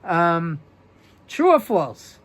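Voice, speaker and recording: Speaking very slowly at a fairly high pitch, a New York-accented livestream host reads out trivia questions and chats easily with viewers, addressing them by name.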